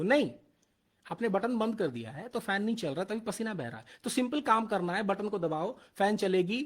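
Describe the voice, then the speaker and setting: A man's voice: high-pitched, fairly bright tone. A man speaking earnestly on a live motivational stream, mixing Hindi with Indian-accented English and repeating his points. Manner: earnest, repetitive, switching between Hindi and English.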